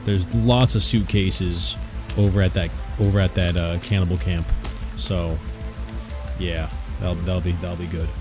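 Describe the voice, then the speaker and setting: A man hosting a gaming video, talking casually to himself and his viewers as he plays. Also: a little slow. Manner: chatty, talks to himself and the viewers while playing; gets loud and high when excited. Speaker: gaming channel host. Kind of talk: casual gameplay commentary. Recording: game music and rain sounds behind the voice.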